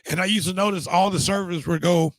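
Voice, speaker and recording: Poor audio captures a middle-aged man hosting a casual chat in a high, steady voice at a fast clip. Losing his voice, he rambles along, often starting over and dropping in fillers.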